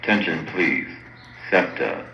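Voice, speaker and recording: A man giving a slow, measured public address announcement over a train station loudspeaker. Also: sits low, expressive, creaky, lo-fi sound. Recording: echoey distant loudspeaker with background noise.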